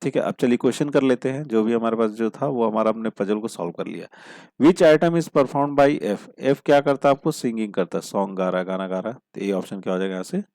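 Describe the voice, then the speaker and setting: A man teaching a logic puzzle step by step, asking questions and answering them himself, and reading the problem statements slowly. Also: fairly low pitch, a little mellow, no room sound. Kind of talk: step-by-step puzzle-solving lesson.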